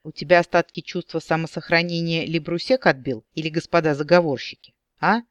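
A man's voice: fairly high pitch, steady tone, a little fast, a bit bright, no echo, close to an everyday voice. A man voicing a stubborn, prickly young woman elf agent in an audiobook, talking sharply and arguing. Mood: indignant.

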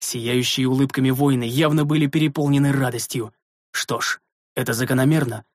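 A man's voice: medium pitch, fairly even intonation, a little fast, no echo, clean studio sound. Man reading a fantasy audiobook. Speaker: audiobook narrator. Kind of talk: first-person fantasy audiobook narration.

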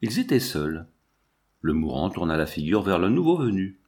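A man reading a classic novel aloud as an audiobook, measured and expressive. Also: low voice. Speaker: audiobook reader. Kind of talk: literary audiobook narration.

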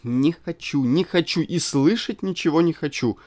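A man's voice: medium pitch, sing-song, normal speed, pitched above the performer's own voice, natural voice. A man voicing a pouting capricious young wife. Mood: dismissive. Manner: petulant, whiny and pouting.

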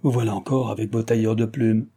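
A man's voice: lowish voice, steady tone, fairly quick, mellow, breathy edge. A man voicing an aging French king who talks in an ironic, offhand way.

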